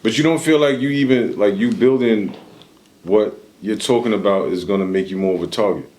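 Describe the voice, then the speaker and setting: A man's voice: on the low side, brisk, a little mellow, rough recording. A man hosting a podcast interview who interjects, pushes back and asks pointed questions. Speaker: podcast host. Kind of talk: interview conversation.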